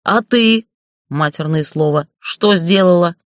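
For an audiobook, a narrator performs the voice of a crude, foul-mouthed middle-aged male boss who bullies, swears and mocks in an angry way. The mid-range voice is lightly acted at a measured pace, captured in a dry, clean studio recording.

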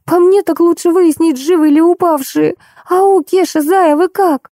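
A woman reading an audiobook, voicing a bossy, sensible teenage daughter with a high, insistent voice. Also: fairly even intonation, measured pace, dark tone, no room sound, studio quality. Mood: urgent.

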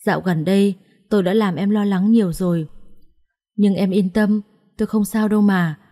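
A woman voicing a calm, teasing young husband who is ill, speaking gently and reassuringly. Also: medium pitch, normal speed, close to an everyday voice.

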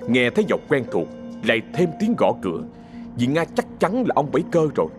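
A man's voice: mid-range voice, wildly swooping pitch, brisk, over music. A man narrating a ghost story with dramatic storytelling.

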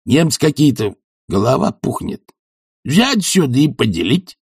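A man voicing a crude, boorish young man who was once a dog, with a coarse, gravelly manner in an audiobook. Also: mid-range voice, big pitch swings, measured pace, no echo, studio quality, voice pushed up, heavily acted. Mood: grumbling. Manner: coarse, sulky, grumbling. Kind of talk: audiobook character voice.

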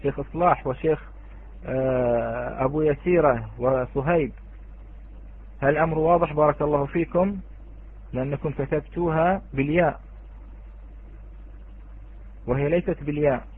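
A man's voice: a little high, moderate pace, long pauses, slightly rough. A man teaching an online Quran recitation lesson, patiently quizzing students and chanting the example words. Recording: tinny phone-like online audio.

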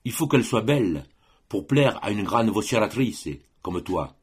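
A man reading a calm, teasing young officer. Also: fairly low pitch, moderate pace, breathy edge. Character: young man, officer, patient elder brother.

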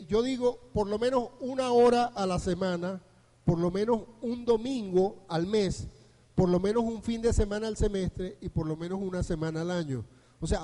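A man's voice: high-pitched, mellow, big-room sound. A man, a couples therapist giving a live conference talk, joking and acting out dialogues between couples. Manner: humorous, anecdotal, acts out dialogues. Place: conference hall.

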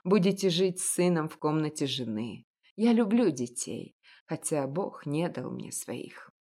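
A woman voicing a kindly, grumbling old male confectioner in an audiobook, speaking slowly and gruffly. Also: expressive. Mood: kindly, reassuring. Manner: slow, low and gruff, gently coaxing. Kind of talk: audiobook reading.

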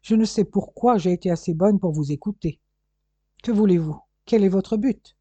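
A reader voicing a proud, quick-tempered young woman who speaks haughtily and indignantly. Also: medium pitch, mellow, husky, no room sound, muffled recording, voice pushed up, natural voice. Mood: annoyed.

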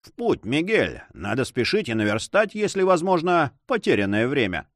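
A man voicing an excitable proud landowner. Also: medium pitch, normal speed, no echo, studio quality, natural voice. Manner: exclaiming, eager.

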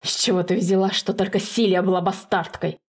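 A woman's voice: mid-range voice, steady tone, brisk, darkish tone, breathy edge. A woman voicing a cold, scheming older sorceress mother who hisses commands and threats. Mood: menacing. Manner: hissing, commanding, menacing.

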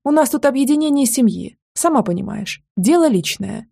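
A woman voicing a lively, sly young woman who talks in a brisk, teasing way. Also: high-pitched, gravelly, breathy edge, voice pushed up, heavily acted. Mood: sweetly dismissive.

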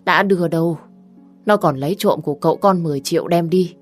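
A fretful middle-aged country mother, as a woman storyteller puts her on, scolding and anxious on a phone call. The voice sits low and a little raised in force, with soft music far behind. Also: fairly quick, natural voice. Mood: worried.

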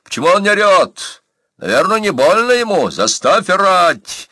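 A man's voice: fairly high pitch, animated, moderate pace, no room sound, studio quality, voice pushed up. A man reading an audiobook, voicing a cruel estate master who barks orders. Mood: shouting. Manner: barking, shouted commands.

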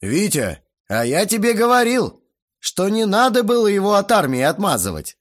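A man voicing a red-faced, indignant fat middle-aged uncle who shouts and sputters, in an audiobook. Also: sits high, huge pitch swings, normal speed, pitched above the performer's own voice. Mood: indignant shouting.

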